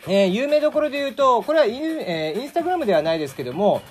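A man's voice: very high voice, sing-song, fast, faint music behind. A man hosting his own casual talk show, chatty and rambling, often stopping to correct himself. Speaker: podcast host. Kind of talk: casual solo radio talk.

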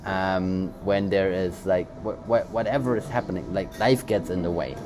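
Co-hosting a relaxed motivational podcast, a native German speaker talks at normal speed in a low-pitched voice. His speech wanders, full of restarts and filler words, and background noise runs through the recording.

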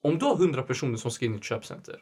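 A young man talking in casual chat, animated and swearing, mixing English slang into his talk. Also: medium pitch, husky.

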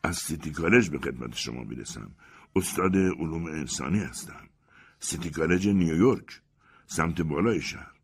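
A man's voice: rumbling low, animated, slightly rough, exaggerated voice. A man voicing an anxious, eager middle-aged male professor in a storybook reading, nervous and pleading.

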